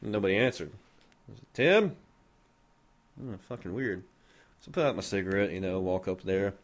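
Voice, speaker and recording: A man's voice: low-pitched, quick pace. A man hosting a podcast, telling a long story in a loose, joking way with a lot of swearing. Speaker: podcast host. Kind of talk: casual storytelling.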